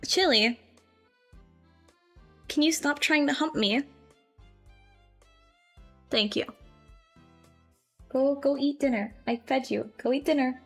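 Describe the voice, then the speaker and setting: A woman's voice: high voice, slow, long pauses, a bit bright, soft background music. A woman streaming a casual chat with viewers, playful and giggly, often slipping into silly voices. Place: grandmother's house.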